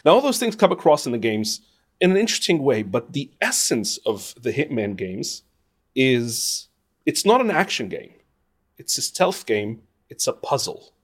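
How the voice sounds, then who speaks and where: As an interview guest, a video game composer and radio presenter gives thoughtful, opinionated answers, speaking conversationally and with emphasis. His medium-pitched voice has a sing-song quality at normal speed.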